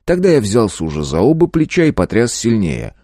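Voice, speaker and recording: A man's voice: lowish voice, wildly swooping pitch, a little fast, warm tone, no room sound, clean studio sound. A man narrating a first-person audiobook, reading expressively and acting out the dialogue.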